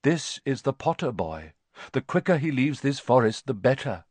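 A man's voice: mid-range voice, big pitch swings, normal speed, a little mellow, slightly rough, dry recording. A man voicing a noble young centaur in an audiobook, grave and protective, with formal, solemn delivery. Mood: grave, urgent. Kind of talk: dramatized audiobook character voice.

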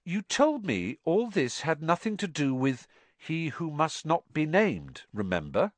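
A brave, polite schoolboy wizard, as a male narrator puts him on, earnest and a touch breathless in a storybook reading. His voice swings up and down lively, recorded close and dry. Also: fairly high pitch, dry recording. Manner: earnest, hurried.

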